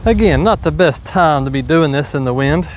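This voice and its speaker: On the high side and animated, this man's voice moves at a moderate pace as he livestreams from a windy farm garden, working and musing aloud in a folksy Appalachian twang. Slight background noise is audible.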